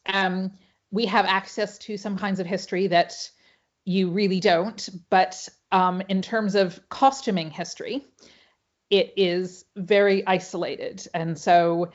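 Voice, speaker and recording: A woman's voice: mid-range voice, fairly even intonation, unhurried. American woman on a dull video call. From Hawaii, United States. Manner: chatty, many fillers. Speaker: panelist, pattern maker and costume historian. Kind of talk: online panel talk. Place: home, late at night in New Zealand.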